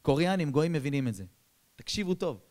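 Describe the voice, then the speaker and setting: A man preaching as a rabbi, telling a story in a lively way and switching between loud bursts and hushed asides. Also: on the high side. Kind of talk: storytelling sermon.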